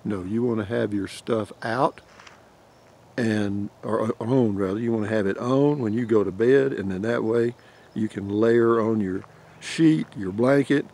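Out among the pines, an older man with a drawl holds his phone at arm's length and chats for his camping vlog, wandering from topic to topic in a folksy manner with frequent chuckles. His fairly low voice sounds a little mellow and slightly rough.

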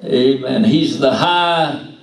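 Older male pastor, slow and measured, heard from afar in an echoey sanctuary. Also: medium pitch. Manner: measured preaching with repeated amens and hallelujahs. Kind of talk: sermon. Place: small church sanctuary at pulpit. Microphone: handheld mic. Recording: echoey church heard from a distance.

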